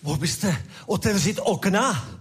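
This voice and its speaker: A man's voice: sits high, expressive, husky, soft background music, exaggerated voice. A man playing an anxious claustrophobic patient who stammers and hesitates, in an improvised comedy sketch. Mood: fearful. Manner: stammering, hesitant, fills pauses with "eh".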